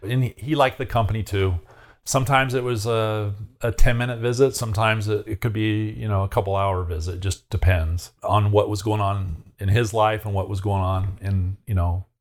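A man's voice: on the low side, steady tone, normal speed. A man from Arizona casually recalling his past in a rambling way, with many fillers and restarts. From Arizona, USA. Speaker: interviewee. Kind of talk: casual recollection.

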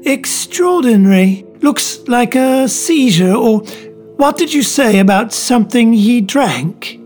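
A man voicing a brisk middle-aged male doctor in a dramatic audiobook reading. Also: extremely high pitch, lively intonation, darkish tone, faint music behind, pitched above the performer's own voice, exaggerated voice. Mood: puzzled.

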